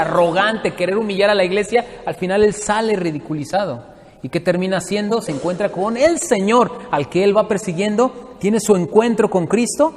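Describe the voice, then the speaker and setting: Man, Bible study preacher, high voice, questions the congregation, long church-hall reverb. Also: a little mellow. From Mexico. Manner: conversational, questions the congregation directly.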